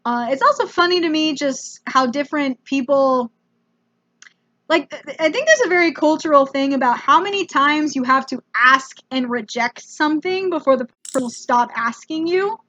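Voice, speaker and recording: An American woman telling a comedic travel story in an animated, self-mocking way, with casual swearing. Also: high voice, moderate pace, dull audio. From United States.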